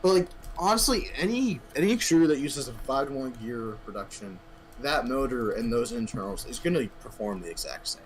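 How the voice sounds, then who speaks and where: A man's voice: mid-range voice, lively intonation, a little fast, a little hiss or hum. A man chatting casually with a friend over a voice call, tossing in joking, teasing asides. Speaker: guest friend. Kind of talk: casual chat. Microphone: voice chat.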